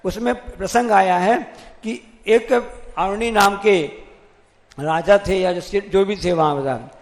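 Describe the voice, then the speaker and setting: A man's voice: high voice, slow, in a large hall. A man, a monk, giving a sermon, telling stories with acted quotes and repeated phrases. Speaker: Jain monk.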